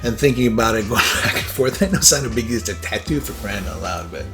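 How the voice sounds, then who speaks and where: A man's voice: on the low side, animated, fast, music in the background. A man from Iran, hosting his own show in a casual, rambling monologue, full of fillers and restarts, with small chuckles between thoughts. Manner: rambling, filler-heavy, self-interrupting. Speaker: podcast host.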